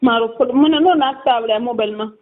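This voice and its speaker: A woman's voice: a little high, fast. Hesitant middle-aged woman caller on phone. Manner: hesitant, rambling, restarts often. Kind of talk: phone call complaint. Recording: tinny phone line.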